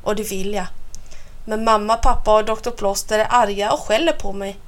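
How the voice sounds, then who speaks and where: A woman's voice: mid-range voice, steady tone. A woman reading a children's story aloud in a playful first-person voice.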